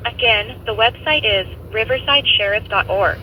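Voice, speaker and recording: A recorded phone message from an automated phone menu plays over a phone speaker, with slow, even, formal prompts. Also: mid-range voice, a little hiss or hum, low-quality recording. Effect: recorded phone message played over a phone speaker.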